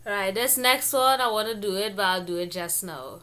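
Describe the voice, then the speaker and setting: Woman, Caribbean accent from Trinidad, bright forceful voice, playful, expressive, casual vlog explainer. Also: medium pitch, normal speed. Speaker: vlog host.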